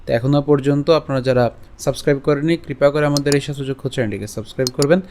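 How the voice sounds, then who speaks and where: A man giving a recorded scripture lesson, explaining pronunciation step by step and reciting verses in a slow, deliberate chant. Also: medium pitch, fairly even intonation, a little mellow, a little hiss or hum. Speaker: religious teacher.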